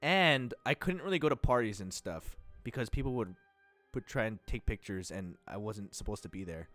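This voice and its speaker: A man's voice: fairly low pitch, animated, normal speed, fairly bright tone, dry recording, soft background music. A young man streaming from home, chatting casually and self-deprecatingly into a close mic, laughing often. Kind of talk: casual chat. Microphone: close desk mic.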